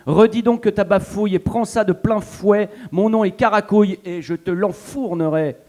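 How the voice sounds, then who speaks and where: A man's voice: high-pitched, moderate pace, warm tone, close to an everyday voice. A man performing a boastful, wordplaying troubadour in a live stage reading, firing off theatrical rhyming taunts. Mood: mocking.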